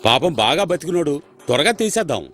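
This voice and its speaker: A practical, pushy relative in a film who talks briskly and persuasively, in a fairly high voice at a quick pace. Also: male voice, big pitch swings, a bit bright, faint music behind. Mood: urging. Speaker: relative arranging a funeral. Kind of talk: film dialogue.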